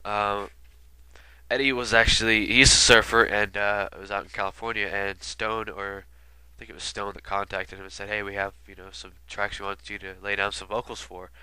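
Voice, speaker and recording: In a rough recording with no echo, a man with a stuffy nose from being sick gives a casual album retrospective as a video commentator. His voice sits on the low side, flat and at a moderate pace, pushed and bright but clear and resonant. He rambles, with many fillers and asides.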